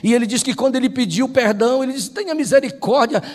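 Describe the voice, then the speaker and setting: In a large hall, a Brazilian male pastor with a very high-pitched voice speaks at a quick pace. Telling a story in a Sunday school sermon, he builds from hushed narration into impassioned preaching.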